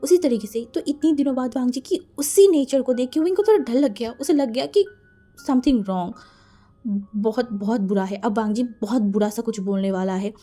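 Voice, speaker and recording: A woman's voice: a little high, normal speed, mellow, faint music behind. A woman casually narrating fan fiction, chatting with asides to the listener. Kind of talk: casual storytelling in mixed Hindi and English.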